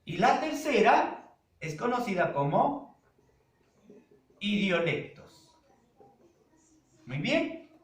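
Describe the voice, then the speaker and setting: A man teaching a secondary school language class, speaking slowly and deliberately, repeating key terms and checking in with his students. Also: high voice, big pitch swings. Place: classroom with a whiteboard. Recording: echoey classroom.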